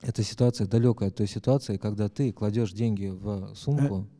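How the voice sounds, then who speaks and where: A man's voice: fairly low pitch, a little fast, dark tone. A man interpreting a lecture live, hesitant, with many fillers and self-corrections.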